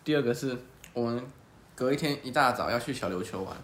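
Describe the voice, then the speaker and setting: A man chats quickly and casually, telling a story and slipping into the voices of its characters. His voice sits at a middle pitch. The room is echoey, with a faint hiss behind him. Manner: animated, acts out quoted people. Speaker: podcast host.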